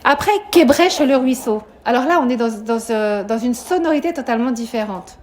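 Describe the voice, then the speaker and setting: Woman, French teacher, live classroom lesson, voice slightly high, explains and questions the students. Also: animated, a little fast. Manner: explanatory, questions students, frequent "hein" tags.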